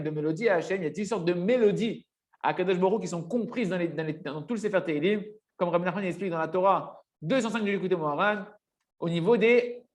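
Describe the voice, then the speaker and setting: High-voiced man teaching a religious lesson. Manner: didactic, emphatic, repeats phrases and checks understanding.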